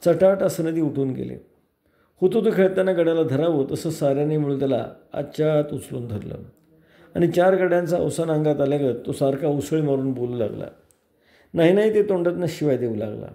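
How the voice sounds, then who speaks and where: Mellow-voiced male storyteller in a roomy space. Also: a little high, fairly quick. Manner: steady narration. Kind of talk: reading a novel aloud.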